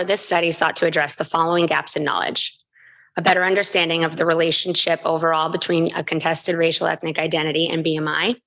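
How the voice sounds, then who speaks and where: Female researcher for a formal seminar talk: low register, scripted delivery with the odd slip. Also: vocal fry, fairly bright tone. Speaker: postdoctoral researcher presenting. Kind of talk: academic research presentation.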